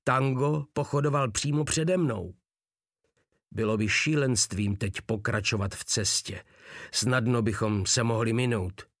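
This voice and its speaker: A man narrating a war novel as a first-person audiobook, in an even, measured reading. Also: medium pitch, dry recording, clean studio sound.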